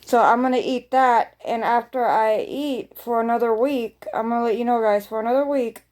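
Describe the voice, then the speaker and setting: A woman's voice: a little high, normal speed, a little mellow. A woman vlogger chatting casually to her viewers in a rambling way, often repeating phrases for emphasis.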